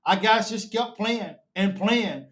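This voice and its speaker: A man hosts a live fan show, excited and emotional, repeating himself and calling listeners baby and bro. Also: high-pitched, slow.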